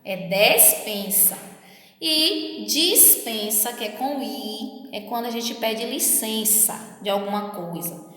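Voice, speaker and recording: A woman's voice: on the high side, expressive, unhurried, a bit bright. A woman teacher explaining a grammar lesson in a patient way, often checking in with her class. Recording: echoey room with long reverb.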